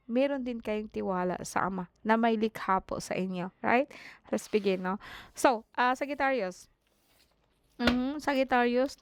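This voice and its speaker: A woman leads a spiritual tarot reading in a hoarse yet smooth voice. She speaks politely and keeps checking in with her listeners. The sound is dry and close. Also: fairly high pitch, dry recording. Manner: polite, fills pauses with "no?". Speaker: tarot reader.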